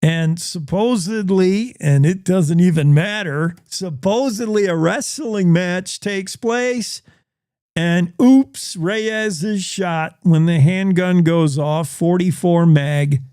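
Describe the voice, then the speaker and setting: A man's voice: sits high, takes it slowly, a little mellow, smooth, no room sound, clean studio sound. A man hosting a news show, giving folksy, opinionated commentary and repeating his points.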